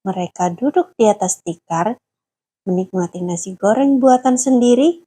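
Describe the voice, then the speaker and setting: With a medium-pitched, slightly breathy voice, a female storyteller softly narrates a bedtime-type tale for children, pausing now and then to clarify words for the young listener.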